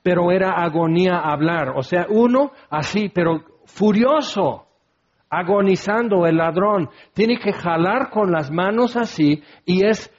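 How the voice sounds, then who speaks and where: A man preaching a sermon, animated, acting out biblical voices and sometimes shouting. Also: sits high, unhurried. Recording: dull lo-fi sound.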